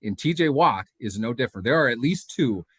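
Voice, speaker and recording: A man's voice: mid-range voice, animated, a little fast, husky, no echo. A man in his thirties co-hosting a sports podcast over a video call, ranting in an assertive, insistent way. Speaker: podcast co-host. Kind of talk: casual sports podcast chat. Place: home room.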